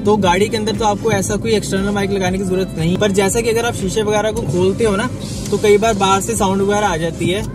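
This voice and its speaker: A man's voice: sits high, steady tone, fast, over music. A young man in his twenties explaining gear in a chatty vlog, recorded on a phone's built-in mic in a car. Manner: chatty, explanatory, addresses viewers as friends. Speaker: vlogger. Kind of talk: casual tutorial vlog. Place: inside a moving car, then outdoors by the car.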